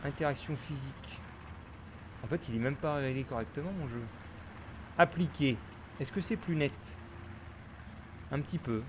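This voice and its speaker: A man's voice: mid-range voice, normal speed, long pauses, background noise. Muttering man playing a game. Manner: mutters to himself, grumbling and puzzled. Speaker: gamer streamer. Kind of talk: casual let's-play commentary.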